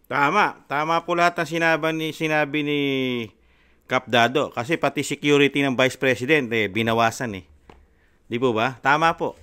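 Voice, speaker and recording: A man's voice: mid-range voice, moderate pace, sharp tone, clean tone. A man hosting political commentary, agreeing politely and respectfully. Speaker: host.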